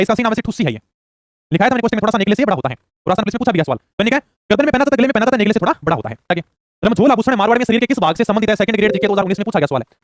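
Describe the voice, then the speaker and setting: Rapid-fire man, high voice, quizzing students. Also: no echo, clean studio sound. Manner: rapid-fire, urging answers fast. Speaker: exam coaching teacher. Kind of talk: rapid quiz-style lesson.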